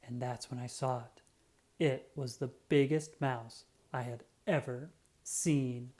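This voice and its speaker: Taking it slowly, the mid-range voice of a storybook narrator brings a children's picture book to life as a self-important cat detective recounting a tale. Expect drama, expression, and acted-out sound effects.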